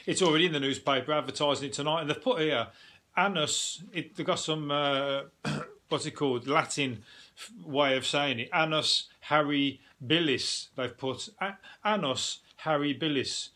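A man's voice: on the high side, normal speed, pushed and bright. A British man hosting a podcast as a casual solo chat, rambling and irreverent, with plenty of swearing. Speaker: podcast host.

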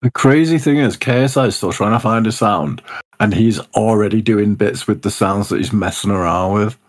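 A young man, chatting about music in relaxed, slang-filled banter. His voice is husky and a little breathy and sits low. He sounds easygoing throughout. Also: moderate pace. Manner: laid-back, slangy banter. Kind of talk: casual chat about music.

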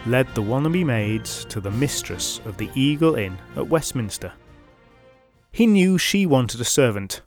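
A male storyteller reads old legends from a script, slipping in dry comic asides. His voice sits at a middling pitch, recorded close with a very dry, deadened sound. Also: dry recording. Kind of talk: scripted folklore narration.

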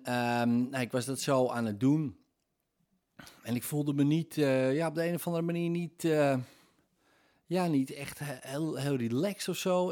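A man hosting a solo podcast, talking reflectively and candidly, pausing often with fillers as he searches for words. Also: medium pitch, a little mellow. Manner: candid and self-mocking. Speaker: podcast host.

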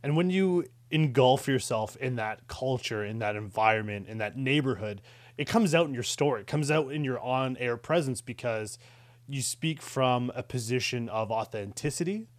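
A man with a mid-pitched voice chats as an interviewer in an earnest, affirming way. The sound is close and very dry, with no room to it. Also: lively intonation, normal speed, no echo. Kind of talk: casual interview chat.

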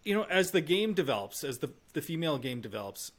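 A man's voice: a little high, big pitch swings, fast. A man in his thirties from Northern Canada, hosting a podcast in a casual, rambling way with many fillers. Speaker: podcast host.

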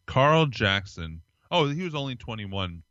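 A podcast co-host with a medium-pitched voice reads strange news stories from articles during a casual chat, laughing a little and using hesitant fillers. His tone is sharp and his pace measured, with big swings in pitch. The recording is dry, with the highs cut off.

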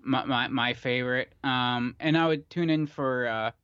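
A man's voice: medium pitch, a little slow, fairly bright tone, smooth, no room sound. Dry, slightly muffled male podcast co-host. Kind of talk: casual chat. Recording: slightly dull remote-call audio.

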